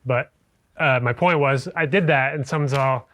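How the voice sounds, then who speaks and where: A man hosting a casual fly fishing interview, adding quick friendly responses. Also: mid-range voice, a bit bright. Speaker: podcast host.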